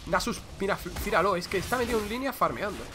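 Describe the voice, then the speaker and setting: Excitable young gamer, high voice. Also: male voice, fast, music in the background. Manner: excitable, swears, says "tío" constantly. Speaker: gaming streamer. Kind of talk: casual gameplay commentary.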